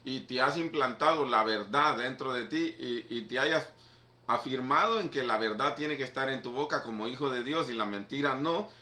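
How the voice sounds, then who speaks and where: A pastor delivers his sermon in a bright, forceful voice, talking plainly and emphatically to his listeners. The sound rings around an echoey church hall, giving every phrase a roomy tail. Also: medium pitch, moderate pace. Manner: conversational, emphatic preaching with repeated "mira" and "¿ok?".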